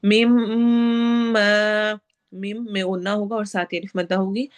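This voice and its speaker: A woman teaching Quran recitation, reciting each phrase slowly and then patiently explaining how to pronounce it. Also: medium pitch, fairly even intonation, darkish tone. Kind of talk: tajweed lesson.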